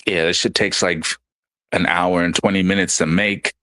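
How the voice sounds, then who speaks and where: A man's voice: sits low, fairly even intonation, normal speed, bright, forceful tone, no room sound. A man hosting a casual podcast, rambling loosely and reading out listener comments. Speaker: podcast host. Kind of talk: casual chat.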